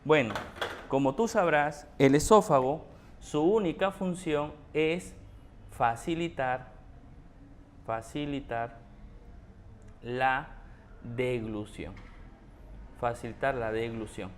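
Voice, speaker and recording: A man's voice: mid-range voice, slow, long pauses, a little hiss or hum. A man teaching an anatomy class, patiently repeating key terms and asking rhetorical questions. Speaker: anatomy tutor. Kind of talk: explanatory class lecture.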